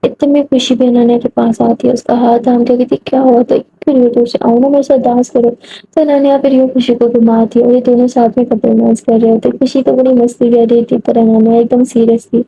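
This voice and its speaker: A woman's voice: fairly high pitch, little pitch movement, gravelly, hardly any pauses, warm tone, breathy edge. A woman narrating a love story in a casual, conversational storytelling style, with many asides. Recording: dull lo-fi audio with faint noise.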